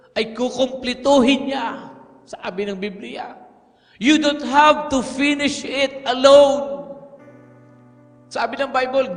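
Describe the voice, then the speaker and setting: A man with a Filipino accent preaching a sermon as pastor, moving between Tagalog and English with emphatic, measured delivery. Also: sits high, a bit bright. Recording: music under a long hall reverb.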